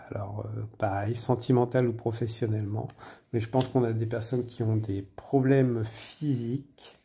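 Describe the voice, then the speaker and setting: A man working as a medium, giving a spontaneous general reading, hesitant with many fillers and pauses, sometimes dropping to a near-whisper. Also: on the low side, vocal fry, mellow, breathy edge. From France. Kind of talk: spontaneous spoken guidance.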